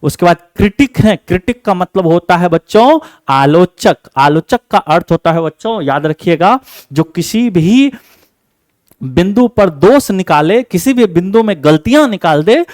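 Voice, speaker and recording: A man's voice: sits high, a little mellow, dry recording, clean studio sound. A male teacher giving an exam-focused lesson, asking the class questions and answering them himself, repeating each point.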